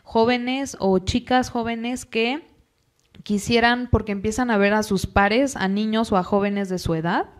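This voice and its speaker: Calm woman psychologist. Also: on the high side. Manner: calm, explanatory, acts out parents and children in quick quoted asides. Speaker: psychologist guest. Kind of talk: podcast interview.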